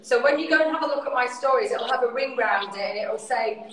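A woman's voice: on the high side, fast talker, a bit bright, slight background noise. A woman from north-west England hosting a casual livestream, chatty, rambling and self-deprecating. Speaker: host. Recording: echoey room, voice a bit far off.

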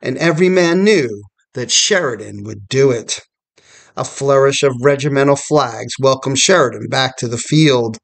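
A man reading a scripted history documentary narration in a measured storytelling manner. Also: mid-range voice, gravelly.

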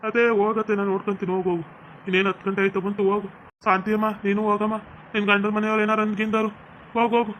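A guilty young husband who gushes out his pleas at top speed, voiced by a woman. He has a North Karnataka Kannada accent and a middling pitch, and faint room ambience sits behind him. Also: little pitch movement, fairly bright tone, a little hiss or hum, lightly acted, low-quality recording. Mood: pleading. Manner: rapid, pleading, self-pitying.

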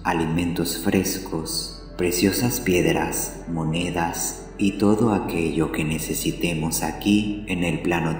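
A man narrating a guided meditation in a measured, soothing way. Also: deep voice. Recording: heavy echo with long reverb. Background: music.

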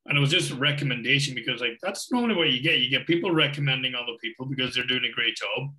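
Bright-voiced Scottish man on a video call. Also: medium pitch, racing, rough recording. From Scotland. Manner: rambling, many fillers. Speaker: guest host. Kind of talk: casual video-call chat. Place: home office with bookshelves.

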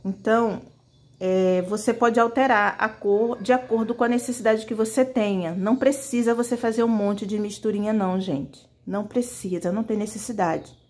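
A woman's voice: medium pitch, fairly even intonation, normal speed, a little mellow. A woman teaching fabric painting in a casual tutorial, chatting directly to her viewers while she paints.

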